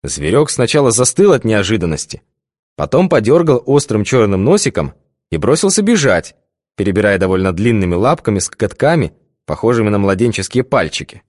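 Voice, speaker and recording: A man narrating an audiobook in an expressive, varied reading. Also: lowish voice, a little fast, no echo, clean studio sound. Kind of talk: scripted narration.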